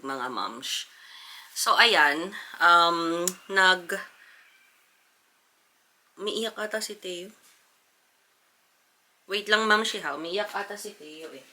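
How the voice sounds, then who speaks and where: A woman from the Philippines chats casually to her viewers while she tidies up at home. She talks slowly and keeps turning to her audience between chores. Her voice is bright and tense. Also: low voice. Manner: chatty, addresses viewers as "mga mamshis" between chores. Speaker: family vlogger, mother. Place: home in a family apartment.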